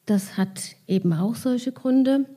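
A woman reading her own novel in calm, measured first-person narration, with casual asides in between. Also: fairly high pitch.

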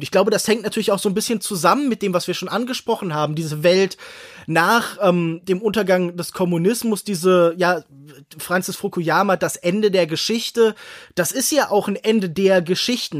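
A man with a notably high voice, recorded dry and close, who talks about cinema in long, thoughtful sentences. He circles around his ideas and picks his words as he goes, as a podcast co-host. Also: no echo. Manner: reflective, searching for words, long winding sentences. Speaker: podcast co-host, film critic. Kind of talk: analytical film discussion.

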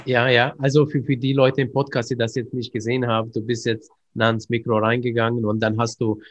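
A man's voice: medium pitch, little pitch movement, brisk, dry recording. Dry-sounding male podcast host. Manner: agreeable, recaps for listeners.

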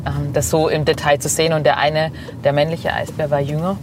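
A woman's voice: low voice, background noise. A woman from Swabia, a travel blogger telling stories in a casual interview with lots of fillers. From Swabia, Germany. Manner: lively storytelling, many fillers and quick agreement. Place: passenger seat of a moving car.

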